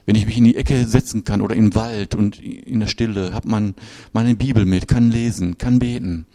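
A man's voice: fairly low pitch, fairly even intonation, moderate pace, warm tone, dry recording. A middle-aged man preaching a sermon in a conversational way, often turning to his listeners with short questions.

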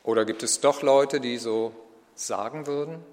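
A man's voice: medium pitch, measured pace, darkish tone. Reflective male preacher in a reverberant hall. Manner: reflective, personal, asks rhetorical questions. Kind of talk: sermon.

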